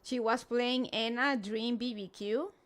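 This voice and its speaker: A woman's voice: a little high, fairly even intonation, a little slow. A woman hosting a casual livestream, chatting with viewers and reacting in a cute, playful anime-streamer manner. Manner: sprinkles Japanese greetings into talk. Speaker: livestream host.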